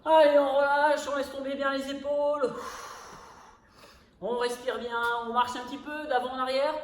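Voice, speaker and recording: A woman fitness instructor leading a workout, counting reps and calling out cues with energetic encouragement, a little breathy from exertion. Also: sits high, moderate pace. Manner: energetic, encouraging drill calls. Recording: echoey room, noticeable background noise.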